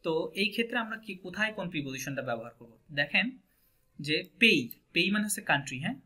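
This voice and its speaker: A man with a Bangladeshi Bengali accent leads a French lesson and keeps checking that his students follow. His voice is very bright and sits a little high. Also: expressive, fast talker. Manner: patient, asks checking questions often. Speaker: French teacher. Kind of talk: online language class.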